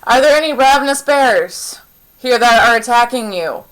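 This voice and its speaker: Cast: woman player with a fairly high voice, polite and questioning, casual game night. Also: animated, normal speed, a bit bright, poor audio. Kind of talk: casual tabletop game play.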